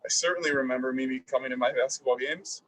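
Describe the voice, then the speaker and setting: A man giving a reflective, halting eulogy at a graveside service. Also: mid-range voice, fairly bright tone, recorded from a distance. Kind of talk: eulogy speech. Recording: husky voice picked up from afar.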